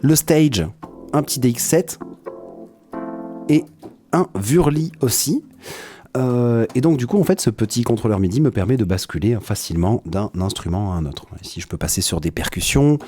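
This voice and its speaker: A man with a French accent giving a relaxed, hesitant live-stream tutorial on his music setup from his home studio. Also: medium pitch, moderate pace. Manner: explanatory, with frequent hesitations and "hop" interjections.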